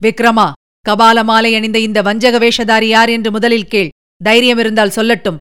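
Elder: a woman doing a thundering old holy warrior, quick and challenging, smooth voice. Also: a little high, flat delivery, fairly bright tone, no echo, clean studio sound, voice pushed down, close to an everyday voice.

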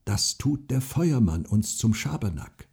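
A man voicing a frail old widow who speaks softly, earnestly and secretively. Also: fairly low pitch, very animated, unhurried, creaky, husky, full character voice.

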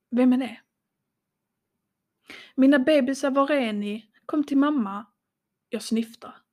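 A woman reading a first-person horror story in slow, dramatic tones, dropping to a hush at tense moments. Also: on the high side, creaky. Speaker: podcast host and storyteller.

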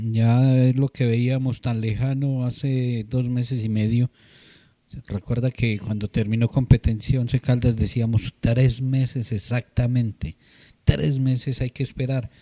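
A man co-hosting a sports radio show, talking in a measured way with many "eh" fillers. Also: medium pitch, steady tone, mellow, dry recording. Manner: measured, fills pauses with "eh".

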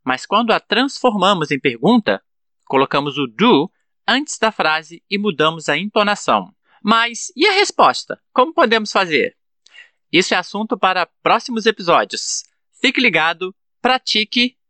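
A man with a Brazilian Portuguese accent hosting an English-learning podcast, slowly drilling example sentences for students. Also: high voice, sing-song, pushed and bright, no room sound. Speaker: podcast host and English teacher. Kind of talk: teaching English lesson.

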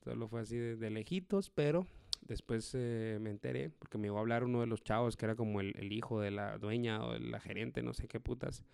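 A man, a stand-up comedian telling a story in a profane, animated way. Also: medium pitch, brisk, creaky, clear, resonant tone, no room sound, clean studio sound. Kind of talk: storytelling monologue.

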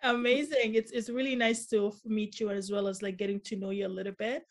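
A woman's voice: medium pitch, fairly even intonation, brisk. A woman hosting a casual interview, giving short encouraging replies and friendly questions. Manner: upbeat, short encouraging responses. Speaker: interview host.

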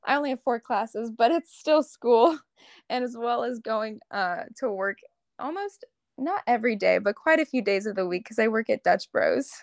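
A woman's voice: fairly high pitch, expressive, moderate pace, no echo. A woman in her late teens with an American accent, giving conversational answers as an interview guest. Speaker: podcast guest, pageant competitor and volunteer.

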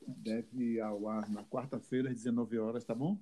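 A man's voice: mid-range voice, fairly even intonation, normal speed, dark tone, low-quality recording. A man hosting a web radio interview show, asking friendly, encouraging questions. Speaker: show host.

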